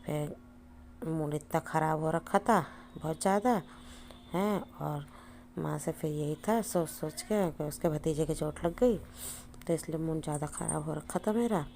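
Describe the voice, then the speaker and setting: A woman vlogger narrating her day in a casual, chatty way, often filling pauses with short hums. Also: sits low, gravelly, warm tone, a little hiss or hum. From India. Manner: chatty, repeats "हैं" and "hmm" as fillers. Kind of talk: casual family vlog narration.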